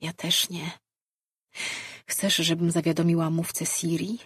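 Woman voicing a pained, earnest young woman, low breathy voice, dry, storybook. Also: level tone, measured pace, no room sound. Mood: quiet. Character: grieving, guilt-stricken young woman.

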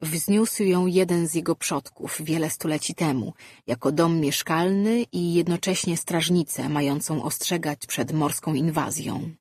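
A woman narrating a fantasy audiobook in an even, measured reading. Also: low-pitched, slightly rough, no echo.

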